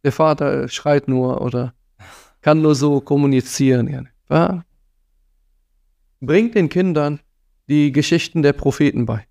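A man's voice: on the high side, measured pace, vocal fry, pauses often, darkish tone, no echo, clean studio sound. A man giving an earnest religious talk on parenting, admonishing his listeners and sprinkling in Arabic phrases. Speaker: preacher.

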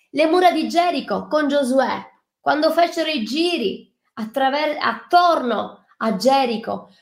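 A woman's voice: high voice, roomy sound. A woman preaching a fervent sermon, reading scripture aloud and exhorting the listener directly. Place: online live stream.

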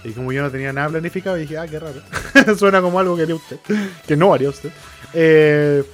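A man's voice: on the high side, fast, fairly bright tone, faint music behind. A young Chilean man co-hosting a podcast, telling a story in casual chat, acting out the quotes, swearing and laughing often. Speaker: podcast co-host.

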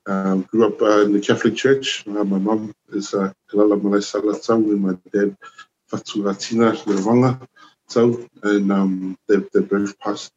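A man in his forties from New Zealand, a youth worker chatting as a podcast guest, relaxed and rambling with lots of "you know" and "man". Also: lowish voice, muffled recording, slight background noise. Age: 40s. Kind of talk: casual conversation.

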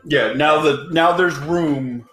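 A man co-hosting a casual podcast about a movie, halting and searching for words, repeating himself. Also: a little high, music in the background. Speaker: podcast co-host. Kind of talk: casual movie-discussion chat. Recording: roomy recording with faint background noise.

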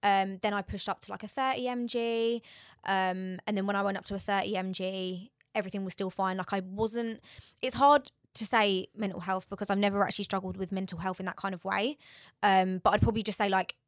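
A woman's voice: medium pitch, fairly even intonation, a little fast, no echo, studio quality. A woman talking casually and informally as an interview guest. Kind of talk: casual chat.

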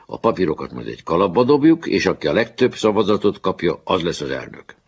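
A man's voice: low voice, big pitch swings, husky, highs cut off, full character voice. A man voicing a fair-minded boy captain giving firm orders in a storybook reading. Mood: commanding. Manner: firm, commanding.

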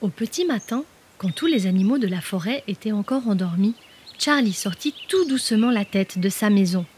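A woman narrating a children's bedtime story as a podcast host, in a gentle, expressive storytelling manner. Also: medium pitch, normal speed, a little hiss or hum.

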